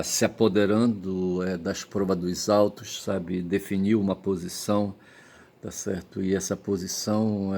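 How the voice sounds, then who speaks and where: Hungover man for casual rambling commentary; deep, creaky voice, halting delivery. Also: darkish tone. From Brazil. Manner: halting, repeatedly checks with tag questions. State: hungover, tired. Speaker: vlogger giving commentary.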